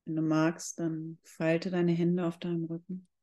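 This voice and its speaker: A yoga instructor guiding a meditation in calm, measured, drawn-out phrases. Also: medium pitch. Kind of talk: slow guided yoga meditation.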